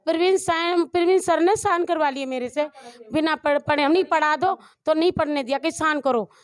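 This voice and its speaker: A woman's voice: high-pitched, normal speed, dry recording, studio quality. A middle-aged woman, mother of an abused daughter, giving a rambling, emotional account to a reporter, often restarting her sentences. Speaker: mother of a dowry abuse victim. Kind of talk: street interview testimony.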